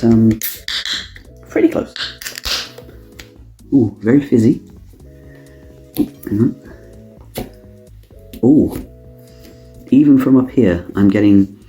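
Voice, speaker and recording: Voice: medium pitch, mellow. A casual tasting review, the speaker thinking aloud with many ums and restarts while trying a drink. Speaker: drinks taster reviewing canned cocktails.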